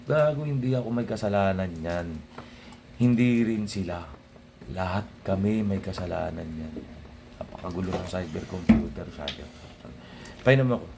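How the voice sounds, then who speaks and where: A man's voice: deep voice, normal speed, pauses often, very noisy. A young man ranting casually to his viewers in a blunt, sardonic way, swearing often and muttering asides under his breath. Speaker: vlogger.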